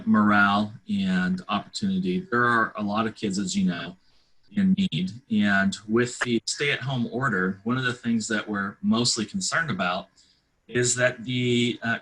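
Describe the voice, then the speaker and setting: A man's voice: medium pitch, pushed and bright, breathy edge, rough recording. A man giving earnest, conversational interview answers as a charity representative, with somewhat hesitant phrasing.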